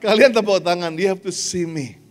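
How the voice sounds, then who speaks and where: A male pastor telling a story in a sermon, animated, swinging between shouts and hushed lines and mixing English phrases into his speech. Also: sits high, moderate pace, soft background music, some chatter behind.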